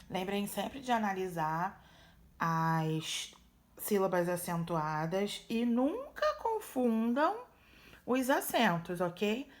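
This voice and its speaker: A woman schoolteacher with a Brazilian accent patiently walks young pupils through workbook exercises, checking in often. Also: mid-range voice. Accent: Brazilian Portuguese. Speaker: primary school teacher. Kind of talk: recorded remote lesson walkthrough.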